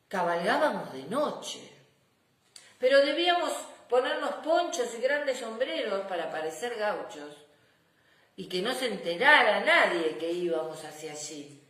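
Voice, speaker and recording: Woman as animated grandpa storyteller in echoey room. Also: mid-range voice. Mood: grave, dramatic. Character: proud, affectionate old grandfather general telling war memories. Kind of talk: children's storybook narration.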